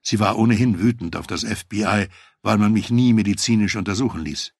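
A man reading a first-person memoir aloud, telling the story in a measured, reflective way. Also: on the low side, gravelly, darkish tone, slightly rough, dry recording, clean studio sound. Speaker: audiobook narrator.

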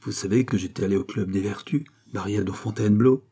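A man's voice: lowish voice, a little fast, mellow, breathy edge. A man reading an audiobook, voicing an eager young peasant patriot who talks with breathless insistence. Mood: excited.

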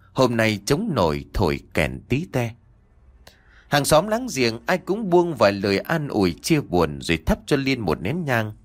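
Dramatic male horror storyteller. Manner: dramatic, sweeping pitch. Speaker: narrator.

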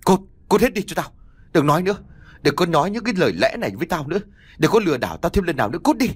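A man voicing an elderly, quick-tempered mother-in-law in an audio story, scolding and shouting. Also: deep voice, very animated, dry recording, pitched below the performer's own voice. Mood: furious.

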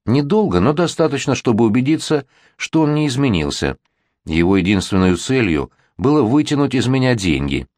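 A man's voice: medium pitch, very animated, normal speed, a little mellow, no echo, studio quality, pitched above the performer's own voice, natural voice. A man voicing a firm, worldly middle-aged father who lectures his daughter, in a read-aloud storybook. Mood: stern.

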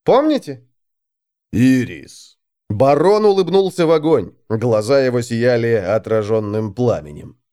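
Man, audiobook narration, expressive, animated pitch. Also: moderate pace, smooth. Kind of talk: scripted narration.

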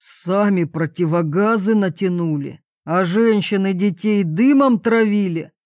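A man's voice: high voice, unhurried, a little mellow, no echo, clean studio sound. A woman reading an audiobook, voicing a big, burly man who speaks in a threatening, indignant way. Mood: angry. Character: big, burly, angry man with huge fists.

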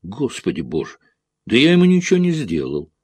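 Male reader playing sullen touchy youth, grumbling, husky low voice, dry recording. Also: wildly swooping pitch, a little mellow, no echo, heavily acted. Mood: defensive. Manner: grumbling, quick to flare up. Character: sullen young man, touchy and defensive.

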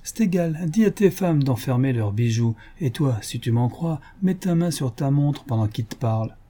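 A man's voice: mid-range voice, lively intonation, normal speed, dark tone, natural voice. A man doing a cheeky, slangy Parisian coquette. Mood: mocking. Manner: teasing, slangy, laughing. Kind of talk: audiobook character voice.

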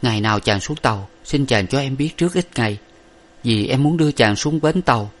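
A man voicing a tearful, devoted young woman in an audiobook of an old novel, pleading and gentle. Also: mid-range voice, moderate pace, voice pushed up, lightly acted. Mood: sorrowful pleading.

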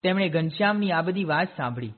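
Man reading a kids' story out loud, highish voice, sounds like over the phone. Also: expressive, fast talker, phone-quality sound. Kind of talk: storybook narration.

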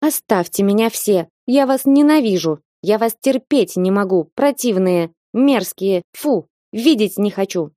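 A woman's voice: sits high, very slow, few pauses, dark tone, no echo, studio quality, voice pushed up. A woman voicing a grumpy little female cat who whines and sulks. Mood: whiny sulky. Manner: whiny and sulky.

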